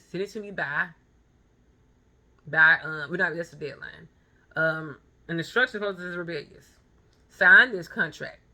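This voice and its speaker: Her voice sits on the low side with a sharp edge. She's a vlogger and photographer in her thirties, giving a forceful motivational talk built on personal stories and repeated phrases for stress.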